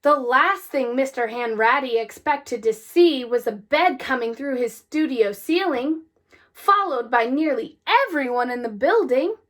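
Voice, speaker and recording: Deliberate and expressive, a female narrator gives a scripted children's read-aloud of a picture book. Her voice is high, her intonation very animated, and she leans on emphasized words.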